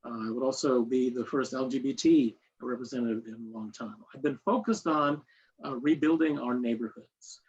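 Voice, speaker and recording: A man's voice: medium pitch, fairly even intonation, normal speed. A male candidate giving a proud, confident opening statement at a political forum. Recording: dull lo-fi audio with faint noise.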